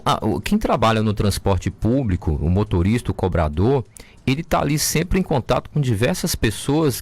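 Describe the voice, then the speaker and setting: A man with a Bahian Brazilian accent interviewing a guest, circling and restarting as he builds long questions. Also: deep voice. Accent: Bahian Brazilian Portuguese. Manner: rambling, restarts often while framing questions.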